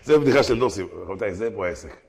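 A man teaching a weekly religious lesson in an animated, slangy way that mixes learned phrases with street talk. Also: mid-range voice, crowd noise. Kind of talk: religious lesson mixed with jokes.

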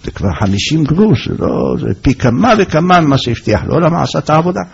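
Male storyteller, gravelly and husky, slightly high voice, dull lo-fi recording. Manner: lively, acts out characters' lines. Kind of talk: oral folk tale telling.

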